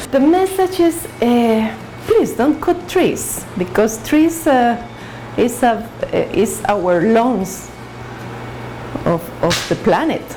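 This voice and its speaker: A woman's voice: a little high, animated, takes it slowly, warm tone, a little hiss or hum, rough recording. A woman from El Salvador with a Salvadoran Spanish accent, an artist explaining her paintings in her studio, hesitant with frequent fillers and restarts.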